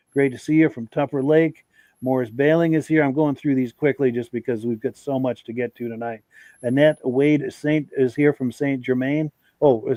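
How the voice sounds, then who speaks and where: A man hosting a live podcast, briskly reading out viewer greetings. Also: mid-range voice, warm tone, no room sound. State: out of breath. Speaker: podcast host. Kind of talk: live podcast welcome and chat.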